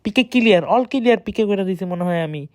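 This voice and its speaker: A woman gives excited, boastful running commentary while playing a shooter game, speaking close to the mic. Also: on the low side, brisk, no echo. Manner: excited, boastful self-talk. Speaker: gamer streamer. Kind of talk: live gameplay commentary.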